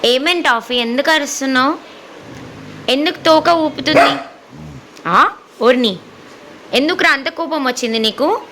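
A woman's voice: high voice, expressive, moderate pace, pauses often, noisy background. A woman, playfully teasing and baby-talking to her dogs in a sing-song, coaxing way. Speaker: dog owner vlogger.

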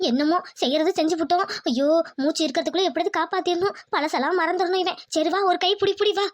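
A fretful cartoon mother plotting in hushed tones, voiced by a woman. She sounds anxious and sly, and her voice sits very high. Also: quick pace. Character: anxious scheming middle-aged mother. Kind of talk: cartoon voice acting.

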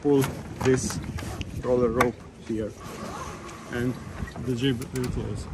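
Loud wind buffets the outdoor mic as a man from Croatia, a native Croatian speaker working as a yacht charter guide, teaches on a sailboat deck in a marina. His voice is medium-pitched, fairly even and slow, and he gives plain step-by-step directions with restarts while handling gear in this hands-on tutorial.

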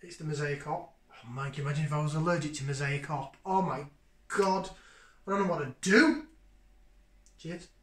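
Guy in his 30s doing a beer review in his kitchen, high bright voice, bit of room echo. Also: normal speed, long pauses. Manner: enthusiastic, savoring, chatty with sniffs and sips. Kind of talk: casual beer tasting review. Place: home kitchen, indoors. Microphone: fixed camera at table distance. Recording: echoey kitchen.

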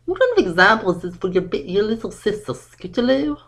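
A man's voice: high voice, very animated, fairly quick, a bit bright, pitched above the performer's own voice, low-quality recording. A man playing a stern, lecturing father. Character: stern middle-aged father scolding his daughter. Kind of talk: amateur fan audio drama.

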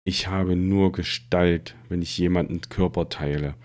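Voldemort, a slow hissing dark wizard, read by a man. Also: sits low, steady tone. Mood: menacing. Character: evil disembodied dark wizard, cold and menacing.

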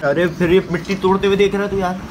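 A young man from Pakistan with a Karachi Urdu accent, vlogging at home in a chatty, excitable, teasing way. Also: sits high, fast talker, heavy background noise. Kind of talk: casual home vlog. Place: family home indoors.

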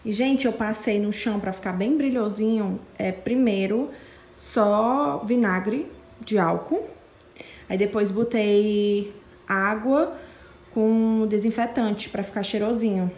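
Her voice is mid-range, slow and somewhat dark as this young woman chats with her audience in a laid-back home vlog. She holds the camera at arm's length while moving around her kitchen and living room.

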